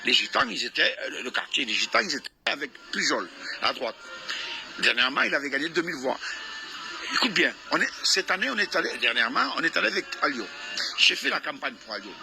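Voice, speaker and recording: A man's voice: fairly high pitch, big pitch swings, fast talker, gravelly. A man talking local politics informally, insistent, interjecting and repeating himself. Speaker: local community campaigner. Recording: music playing behind the voice.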